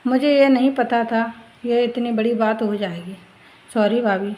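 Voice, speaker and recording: Woman doing a schoolboy, tearful, pleading, family story, somewhat high voice. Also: fairly even intonation, unhurried, a little mellow, lightly acted, poor audio.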